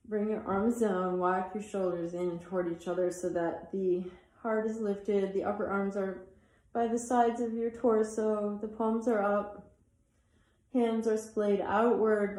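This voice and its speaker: A woman leads a yoga class, giving pose cues in a mellow, tired voice. She chats between instructions as if her students were in the room. The room gives her voice a noticeable echo. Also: medium pitch. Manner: chatty, apologizes for talking too much. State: tired, yawning. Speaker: yoga teacher. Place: athletic club room.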